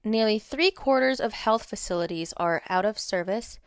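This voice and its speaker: This American social media content creator speaks at a medium pitch and a normal speed, with a clear, resonant tone and a standard American accent. She reads notes aloud for an informal advocacy vlog, and her delivery is blunt, emphatic and casually profane, with candid asides.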